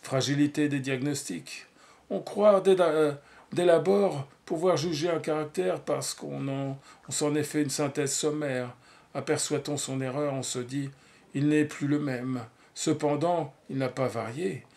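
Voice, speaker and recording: A man reading a novel aloud at a measured pace, with occasional slips and fillers. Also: fairly high pitch, creaky, darkish tone. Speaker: reader.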